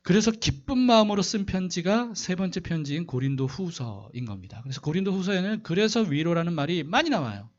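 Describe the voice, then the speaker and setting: Man, pastor, sermon, rhetorical questions, storytelling, bouncy animated pitch, muffled lo-fi sound. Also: a little fast, hardly any pauses. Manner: asks the congregation rhetorical questions; tells a story to illustrate.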